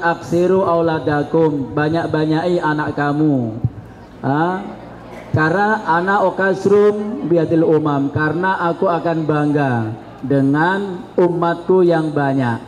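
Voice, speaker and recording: A man in his fifties, an Islamic studies lecturer from South Sumatra, talking to students in a slow, chatty, joking way. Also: fairly high pitch. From South Sumatra, Indonesia. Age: 50s. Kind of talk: classroom talk to students. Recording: reverberant hall with faint background noise.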